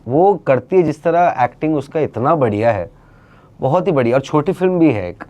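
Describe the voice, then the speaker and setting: A man speaking as an interview guest, talking in an animated, casual way and dropping English phrases into his speech. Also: on the high side, normal speed. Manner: animated, mixes English into speech, many fillers. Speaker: interview guest, actor and creator.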